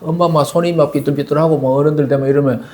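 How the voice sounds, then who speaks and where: A man's voice: on the high side, fairly even intonation, quick pace, a little mellow, slight background noise. A male pastor, preaching a Sunday sermon in a conversational, storytelling way that acts out quoted voices. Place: church sanctuary. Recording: echoey church hall.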